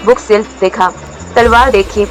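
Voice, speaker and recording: A woman narrating a romance story in a steady, mid-pitched voice, giving each character a turn. Soft music plays faintly behind her. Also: moderate pace, rough recording. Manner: reads every character herself, shifting pitch for dialogue.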